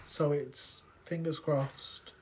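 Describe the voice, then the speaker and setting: A man co-hosting a podcast, talking in a relaxed, thoughtful and hesitant way. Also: a little high, extremely slow, slight background noise. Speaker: podcast co-host. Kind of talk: casual chat.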